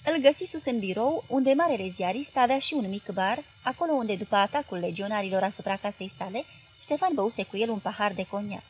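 A woman narrating a literary audiobook in a measured, clear reading style. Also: medium pitch, expressive, a little hiss or hum.

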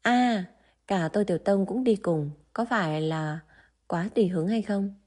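A woman's voice: medium pitch, unhurried, warm tone, lightly acted. Woman reading as a bored young wife. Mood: plain.

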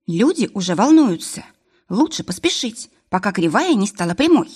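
A woman voicing a nervous young woman, a former ballerina, speaking in an anxious, higher voice. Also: very animated, normal speed, a little mellow, breathy edge. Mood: urgent.

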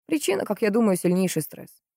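A woman's voice: mid-range voice, sing-song, a little fast, warm tone, no echo, clean studio sound, pitched above the performer's own voice. Woman reading a curt male doctor.

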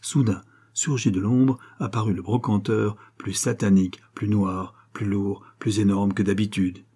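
A man narrating a literary story aloud, in an expressive, dramatic reading style. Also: on the low side, unhurried, slightly rough. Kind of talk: scripted audiobook narration.

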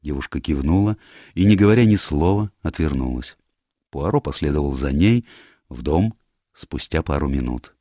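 A man narrating an audiobook in a calm, even storytelling manner. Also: rumbling low, moderate pace, dry recording, clean studio sound. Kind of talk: scripted narration.

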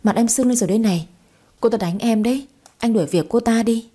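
A woman voicing a spiteful young woman who scolds sharply and fast. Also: a little high, mellow, slightly rough, pitched above the performer's own voice.

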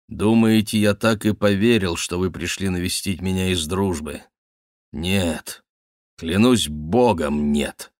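A man's voice: deep voice, no echo, studio quality. A man voicing a sick, sullen nobleman in an audiobook, speaking tersely and coldly in a muttered tone. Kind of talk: audiobook reading.

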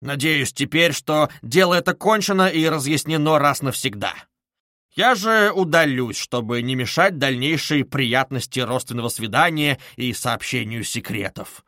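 A man reading aloud voices a pompous, sarcastic middle-aged gentleman in a stiffly formal manner. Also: mid-range voice, expressive, moderate pace, no echo, clean studio sound. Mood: sneering. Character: sneering pompous middle-aged male suitor.

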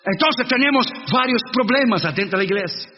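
High-voiced preacher in a reverberant church. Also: male voice, lively intonation, fairly quick. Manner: blunt, earnest preaching with English phrases mixed in. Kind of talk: sermon. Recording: dull reverberant church recording, faint noise.

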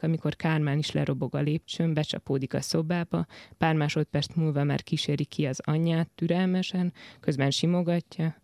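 A woman, the author, reading her own first-person literary story in a measured, intimate way in a radio studio. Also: low voice, gravelly, warm tone, no room sound.

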